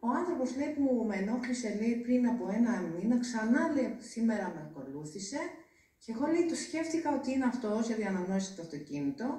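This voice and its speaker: A woman, an interviewed mother, retelling a tense incident with hesitations and shifts in pitch. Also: sing-song, mellow. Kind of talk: emotional recounting interview. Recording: echoey, distant mic.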